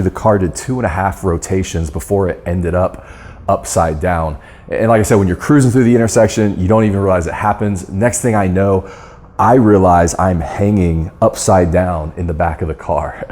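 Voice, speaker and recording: Deep-voiced man telling a personal story. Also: a little mellow. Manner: earnest storytelling with repeated restarts. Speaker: guest speaker on dental marketing. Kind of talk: storytelling talk to course members.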